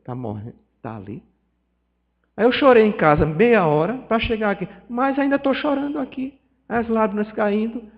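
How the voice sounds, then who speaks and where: In a spiritist centre's meeting hall, a man from Northeast Brazil with a Pernambuco Portuguese accent gives a study-group lecture, telling stories with acted dialogue and emotional swells. His voice is extremely high at normal speed, and the hall recording sounds dull and reverberant.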